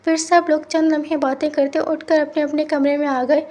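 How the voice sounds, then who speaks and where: A woman's voice: sits high, flat delivery, moderate pace, darkish tone. A woman reading a romance novel aloud as storybook narration, voicing every character in much the same voice. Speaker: novel reader.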